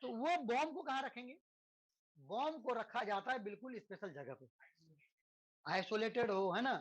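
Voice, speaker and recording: A man's voice: very high voice, expressive, normal speed, husky, low-quality recording. Chatty male teacher asking tag questions. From India. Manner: conversational, constantly checks in with tag questions; rhetorical questions and homely examples. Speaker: physics teacher. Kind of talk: lecture to students.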